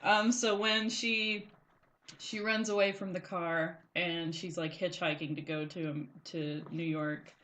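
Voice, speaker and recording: A woman's voice: fairly low pitch, fairly even intonation, unhurried, a bit bright. A woman co-hosting a podcast, chatting casually and rambling through a recap with lots of fillers and giggles. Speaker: podcast co-host. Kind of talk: casual chat.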